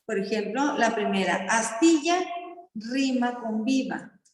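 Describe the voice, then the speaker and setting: A woman primary school teacher explaining poetry to her class slowly and patiently, often checking that the children follow. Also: on the high side, lively intonation, slight background noise. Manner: slow, patient explaining with frequent checking questions. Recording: echoey classroom with long reverb.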